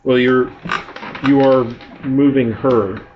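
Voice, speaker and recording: At a government meeting, a man from the public presses officials with persistent, probing questions. He speaks slowly in a medium-pitched, steady voice, and the recording from the indoor meeting room is muffled and noisy.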